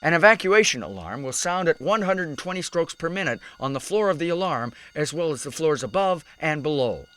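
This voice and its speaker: A man narrates a scripted instructional piece. His voice sits a little higher than most men's. The delivery is measured and instructive throughout. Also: very animated, a bit bright. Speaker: safety video narrator.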